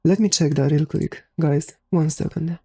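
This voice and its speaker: Young woman game streamer; slightly hoarse, gravelly, warm tone; laid-back chat with a few swear words. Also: low-pitched, normal speed, dry recording. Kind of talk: casual live-stream chat.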